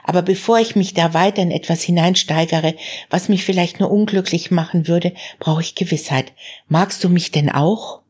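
A woman's voice: on the low side, normal speed, darkish tone, husky. Woman voicing an earnest lovestruck young woman. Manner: earnest, hesitant.

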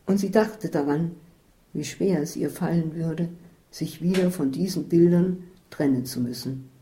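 Female audiobook narrator: calm, measured, with a deep, dark voice. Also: slight background noise. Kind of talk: audiobook reading.

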